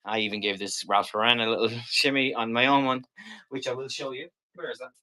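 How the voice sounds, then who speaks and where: A man's voice: medium pitch, little pitch movement, fairly quick, bright, forceful tone, rough recording. A man hosting a live-stream shopping show, selling in a casual, chatty, rambling way with jokey asides.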